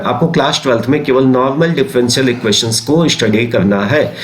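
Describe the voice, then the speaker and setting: A man teaching a maths class, mixing Hindi with English terms and asking and answering his own questions. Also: medium pitch. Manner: slows right down when reading out English definitions. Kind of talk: classroom lecture.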